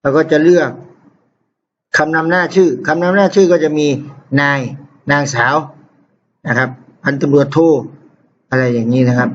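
A male teacher talks students through a software task one step at a time. His voice sits a little high and his pace stays unhurried. The sound is dull and lo-fi, like a screen-capture recording. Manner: unhurried, explains step by step with frequent polite particles.

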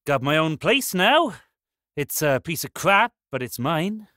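An actor playing a grumpy, reclusive frog man bounty hunter in a full-cast audio drama, gruff and dry. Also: a little high, big pitch swings, a little slow, pushed and bright, dry recording, heavily acted.

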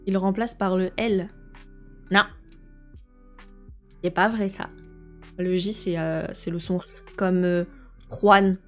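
A woman's voice: lowish voice, steady tone, takes it slowly, pauses often, faint music behind. A young woman streamer chatting casually and rambling with her viewers, answering chat messages as she goes.

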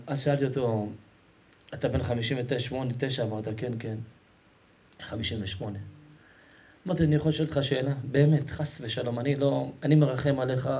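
A man's voice: medium pitch, warm tone. A male rabbi preaching a Torah lesson to a live audience, emphatic and repetitive, colloquial and affectionate with the crowd. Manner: repetitive, emphatic, keeps calling the audience to listen.

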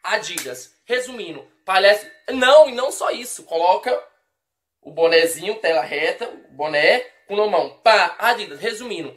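A woman's voice: mid-range voice, lively intonation, moderate pace. A Brazilian woman talks straight to her viewers in a comic opinion rant. She is blunt and teasing, and she exaggerates everything with mock outrage. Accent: Brazilian Portuguese. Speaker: vlogger.

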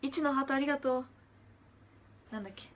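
Speaking fast in a high register, a young woman idol reads fans' livestream comments out loud. She chirps her thanks casually, then trails off into quiet murmurs.

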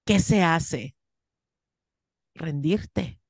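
A woman's voice: low voice, drawn-out words, husky, no room sound, studio quality. A woman, a guest in an interview, earnestly telling a personal story and acting out her own past words. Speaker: interview guest, spiritual course teacher.

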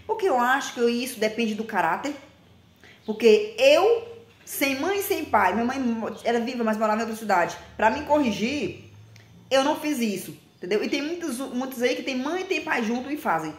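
A woman in her forties talking bluntly and emphatically to a phone camera, often ending phrases with a quick question. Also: fairly high pitch, expressive, roomy sound. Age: 40s. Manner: blunt, emphatic, repeats herself, frequent "tá?". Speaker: vlogger. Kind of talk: casual direct-to-camera talk. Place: small indoor room with plain wall.

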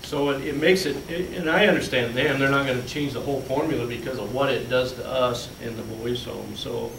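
A man with a gravelly, slightly bright, medium-pitched voice talks a little fast as he explains budget figures to a school board, going through handouts one step at a time in plain language. He's a school business official, recorded by a distant room camera in a large fluorescent-lit room that sounds echoey and carries a faint hum.

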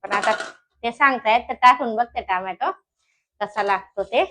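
High-voiced young mother chatting while cooking. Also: moderate pace, a little hiss or hum. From Maharashtra. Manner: coaxing and scolding small children while cooking, softer asides to viewers. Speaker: vlogger and mother. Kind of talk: casual cooking vlog chat.

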